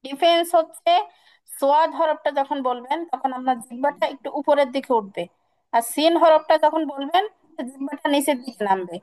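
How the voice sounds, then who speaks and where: A woman with a high, light voice leads an online class. She patiently repeats each syllable over and over to drill the pronunciation. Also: a little mellow, no room sound, rough recording. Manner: patient, drills sounds by repeating them slowly. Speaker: Quran recitation teacher.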